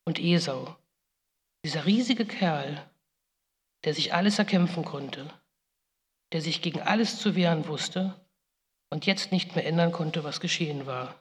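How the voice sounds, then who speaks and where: This woman's low-pitched voice moves a little slowly, with frequent pauses. As Rebekka, a guilt-laden biblical mother, she gives a solemn first-person monologue with pleading outbursts inside a large, echoing hall, all in the tone of a solemn lament.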